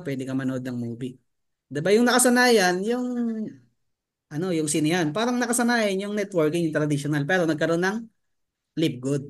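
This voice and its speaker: A man with a high voice leads a sales training seminar. He keeps turning to his listeners with rhetorical questions and drops English terms into his talk as he explains. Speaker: network marketing trainer.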